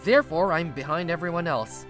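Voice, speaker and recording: Faint music plays as a woman with a lowish voice, talking a little fast and lightly acting, performs a manga dub. She gives voice to an exasperated, stubbornly guarded young male office recruit, narrating the dramatized first-person story and defending himself in dialogue.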